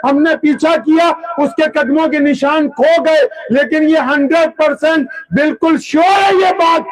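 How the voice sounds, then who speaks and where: A man's voice: very high-pitched, voice pushed up, poor audio. A man voicing an anxious male spy who urgently reports to his chief in a sermon story. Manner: urgent, insistent, shouting.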